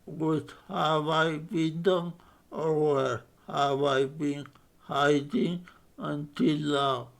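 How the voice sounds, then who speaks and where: A man in his fifties from Spain with a speech impairment, giving a halting self-introduction as a board candidate. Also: a little high, fairly even intonation, gravelly. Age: 50s. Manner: halting, broken into short phrases.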